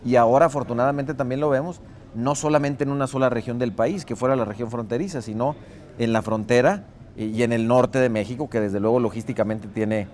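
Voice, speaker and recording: A man's voice: mid-range voice, fairly quick, darkish tone. A man answering an interview question, listing points steadily.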